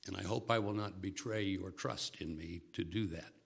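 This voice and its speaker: An older man gives a lecture in a gravelly, fairly low voice. He keeps a measured pace and often breaks off into a story or an aside. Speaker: speaker.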